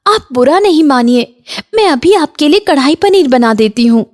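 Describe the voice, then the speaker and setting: A woman's voice: sits high, animated, normal speed, voice pushed up. A woman voicing a polite young daughter-in-law in a cartoon, eager to please. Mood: flustered. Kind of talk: Hindi cartoon voice acting.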